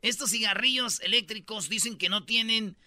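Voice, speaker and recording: A male comedy host with a Mexican Spanish accent rambles through slangy, joking stories. His voice is high and strikingly bright and sharp. The sound is close and dry. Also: moderate pace, no echo. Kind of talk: comic radio banter.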